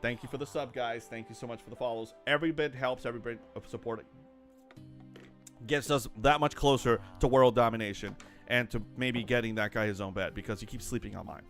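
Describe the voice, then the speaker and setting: A young man chatting casually on a live stream while gaming, excitable and rambling, laughing often. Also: medium pitch, a little fast, faint music behind.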